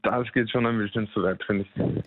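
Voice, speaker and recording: A man's voice: on the low side, steady tone, moderate pace. Hesitant man on a tinny phone line. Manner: hesitant, worried. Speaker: caller. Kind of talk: phone-in call.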